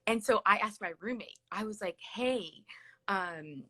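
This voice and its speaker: Animated and speaking a little slowly, a Californian woman in her late thirties shares personal anecdotes as a livestream guest. Her American-accented, mid-range voice comes across bright and pushed, and her chatty, casual talk is full of "like" and "literally."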